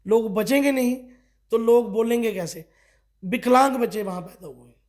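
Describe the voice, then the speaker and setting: High-voiced middle-aged man complaining forcefully. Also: normal speed. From Kathua, Jammu and Kashmir. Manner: forceful complaining, rhetorical questions. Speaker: district party official. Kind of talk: local news interview.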